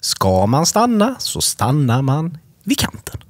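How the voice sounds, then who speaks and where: Blunt, ranting husky-voiced man. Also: on the high side, wildly swooping pitch, no room sound, studio quality. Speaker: podcast co-host. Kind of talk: casual chat.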